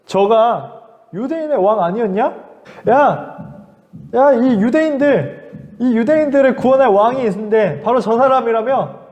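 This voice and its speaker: Rough, sneering soldiers put on by a man, voice pushed up high and loud with sarcastic jabs. A long reverb from the hall trails behind each line of this spoken Bible story. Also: expressive, unhurried, muffled recording. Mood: mocking. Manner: mocking, sarcastic. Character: jeering Roman soldiers, rough and mocking men.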